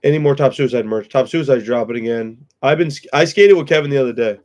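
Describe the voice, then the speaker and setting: A man's voice: medium pitch, quick pace, a little mellow. A man hosting a casual live chat with friends, talking bluntly and swearing freely. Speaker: streamer host. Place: room with friends.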